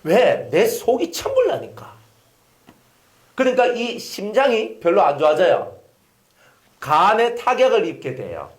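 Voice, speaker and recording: A male pastor speaks in a high, unhurried voice with long pauses, preaching a sermon full of stories. He acts the scenes out with animated character voices. The recording carries the echo of a hall.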